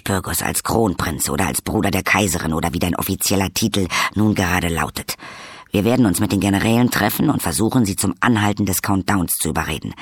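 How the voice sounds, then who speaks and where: A man voicing a gruff, dry-humored older leader who speaks with impatience. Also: low voice, a bit bright, no echo, heavily acted.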